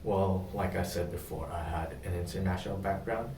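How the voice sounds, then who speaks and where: Deep-voiced and flat, a young man from Indonesia works through answers in a practice job interview, frequently halting with pauses and ums as he gropes for words. The recording places him away from the mic amid echo and faint ambient noise.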